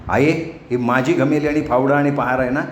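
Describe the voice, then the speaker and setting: A man playing a hot-tempered, stingy middle-aged village uncle who shouts angrily in a storybook reading, in an echoey room. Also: fairly even intonation, moderate pace, close to an everyday voice. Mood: angry. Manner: angry shouting, raised pitch. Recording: echoey room, faint noise.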